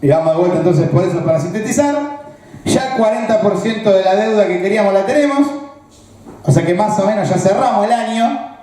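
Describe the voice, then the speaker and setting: Echoey, high-pitched Argentine man lecturing. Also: lively intonation, fairly quick, dark tone. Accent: Rioplatense Argentine. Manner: explanatory, asks the audience rhetorical check-in questions. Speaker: political speaker. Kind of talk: political analysis speech. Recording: very echoey, roomy recording.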